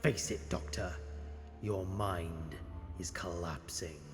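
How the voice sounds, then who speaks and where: A man's voice: deep voice, takes it slowly, over music. A man voicing a menacing, gloating devil in an audio drama. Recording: long hall reverb.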